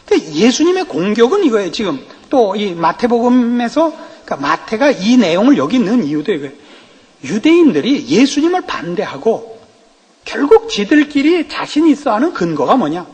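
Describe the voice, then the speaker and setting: A man's voice: sits high, big pitch swings, moderate pace, darkish tone, husky. A middle-aged man preaching an expository sermon, telling humorous anecdotes and asking the congregation rhetorical questions. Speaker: pastor. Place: church sanctuary. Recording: reverberant church hall.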